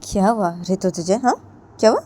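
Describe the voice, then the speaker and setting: A woman's voice: medium pitch, a little fast, warm tone, slight background noise, natural voice. A woman voicing a caring young woman friend who asks with concern what is wrong. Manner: concerned questioning. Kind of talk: storybook narration.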